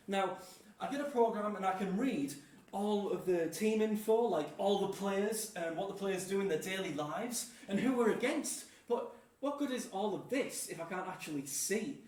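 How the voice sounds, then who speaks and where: A young man, performing an animated one-man theatre monologue with dramatic pauses. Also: sits high, recorded from a distance. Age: 20s. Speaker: solo stage performer. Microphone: distant room mic. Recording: echoey room, voice from afar.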